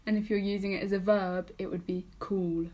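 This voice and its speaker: A woman's voice: mid-range voice, flat delivery, brisk, mellow. A young woman co-hosting a casual chat, talking ideas through at length. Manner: chatty, explains ideas at length. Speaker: podcast co-host.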